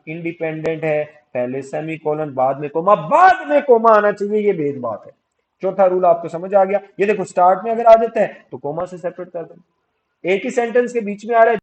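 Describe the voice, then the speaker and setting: A man teaching English grammar for exam prep, switching between Hindi-Urdu and English and reading example sentences slowly with stress. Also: fairly high pitch, a little mellow. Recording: dull lo-fi sound.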